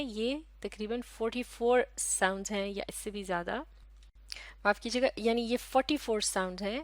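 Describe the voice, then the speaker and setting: A woman teaching English pronunciation step by step, in a measured, methodical way that pauses to correct herself. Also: fairly high pitch, no room sound. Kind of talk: explanatory lesson on phonetics.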